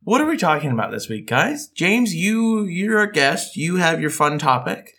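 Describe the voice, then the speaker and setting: A young American man from Denver hosts a casual podcast chat. His voice is bright and forward, and his delivery is playful and animated, with teasing jokes and frequent laughs. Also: on the high side, moderate pace. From Denver, Colorado, USA. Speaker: podcast host.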